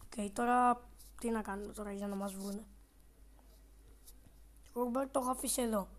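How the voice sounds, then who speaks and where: A woman giving excitable let's-play commentary on a horror game, talking back to the game, swearing and dropping to mutters. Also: mid-range voice. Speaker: gaming video creator.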